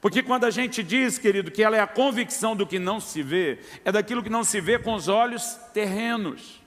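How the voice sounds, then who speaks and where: A Brazilian man in middle age preaches with a notably high voice. He tells his own testimony, acts out each person's lines, and keeps calling his listeners brother. His voice carries a long reverb that fills the church hall. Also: fairly quick, a bit bright. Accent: Brazilian Portuguese. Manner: storytelling, acts out quoted dialogue, addresses listeners as brother. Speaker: pastor. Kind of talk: sermon with testimony.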